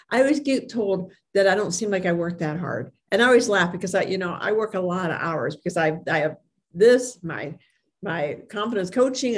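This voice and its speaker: A woman confidence coach and public speaker delivers an emphatic motivational talk full of personal anecdotes. Her medium-pitched, slightly mellow voice has a speech impediment that blurs her R and S sounds, and she occasionally stumbles and repeats phrases for effect.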